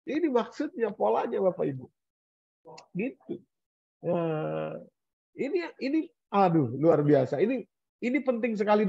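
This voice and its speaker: Animated male preacher, high voice. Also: vocal fry, dry recording, muffled recording. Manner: animated, acts out complaints of the elderly. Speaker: Islamic preacher. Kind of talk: religious study sermon.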